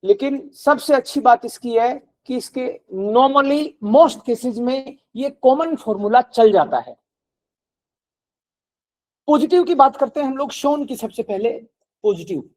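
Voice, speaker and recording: Slow, patient male German teacher. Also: very high-pitched, expressive, a little mellow, rough recording. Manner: slow, patient explaining, mixing Hindi with English and German. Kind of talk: classroom lecture.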